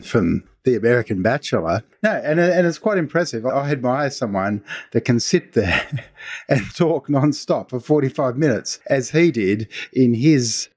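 A man's voice: mid-range voice, lively intonation, normal speed. A man, the show's producer, chatting casually and making dry jokes. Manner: dry, joking. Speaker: podcast producer and guest. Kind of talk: casual chat.

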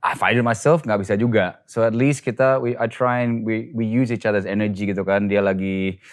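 A man's voice: lowish voice, moderate pace. A man talking casually as a parent and guest, switching between Indonesian and English and acting out scenes as he tells them. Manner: animated storyteller who acts out scenes.

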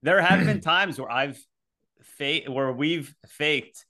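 A man's voice: a little high, slow pace, bright, forceful tone. A young man hosting a podcast, chatting casually, swearing and laughing easily. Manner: swears freely, laughs often, self-deprecating. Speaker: podcast host. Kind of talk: casual chat.

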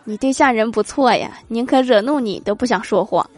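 A woman's voice: fairly high pitch, a little fast. Chirpy woman reading jokes, lilt. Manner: lively, laughs at her own punchlines. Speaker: host of a comedy podcast. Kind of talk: reading jokes aloud with commentary.

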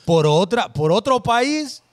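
A man's voice: very high-pitched, big pitch swings, takes it slowly. A man co-hosting a podcast, arguing his opinions in casual chat. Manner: opinionated, argues his point. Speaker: podcast co-host.

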